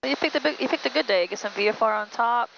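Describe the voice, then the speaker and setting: Quick, creaky-voiced woman coaching in flight. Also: on the high side. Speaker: flight instructor. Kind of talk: casual in-cockpit coaching. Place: small airplane cockpit in flight. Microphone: aviation headset intercom. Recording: muffled cockpit intercom, faint engine noise.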